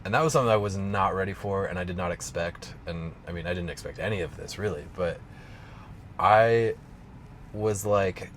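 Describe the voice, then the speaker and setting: A man with a low, deep voice tells a personal story in an unscripted, rambling way, leaning on "like" and restarting his sentences. He sounds like a coach talking straight to camera. A faint hum of room noise sits behind him. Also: normal speed, fairly bright tone. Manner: casual, rambling, heavy use of "like". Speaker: strength coach.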